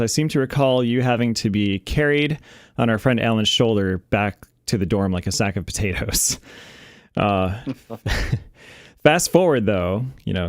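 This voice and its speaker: A man's voice: fairly low pitch, dry recording, clean studio sound. A man in his forties co-hosting a casual podcast, chatty and laughing often while he tells stories. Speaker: co-host.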